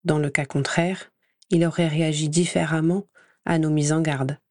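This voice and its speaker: Low-voiced woman narrating a story. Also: steady tone, normal speed, dry recording, clean studio sound. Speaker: audiobook reader. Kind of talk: first-person story narration.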